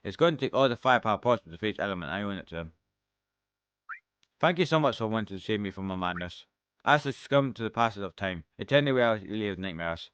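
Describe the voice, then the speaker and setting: A man with a Scottish accent playing through a game, reading every character's lines aloud and shifting his pitch between the parts, close to the mic. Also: lively intonation, quick pace, fairly bright tone, smooth, no echo, lo-fi sound. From Scotland. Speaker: let's-play streamer.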